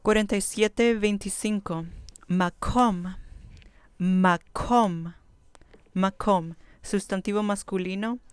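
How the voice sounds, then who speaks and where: A woman teaching a vocabulary lesson at an unhurried pace, repeating each term slowly before she defines it. Her voice is very clear and smooth. The sound is dry and close, with no room echo. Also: medium pitch, fairly even intonation. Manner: slow, careful, repeats each word. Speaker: Biblical Hebrew teacher.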